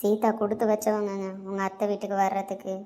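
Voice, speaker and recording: A woman acting a gentle young pregnant wife speaking softly to her husband. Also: medium pitch, little pitch movement, fairly quick, lightly acted. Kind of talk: family audio drama.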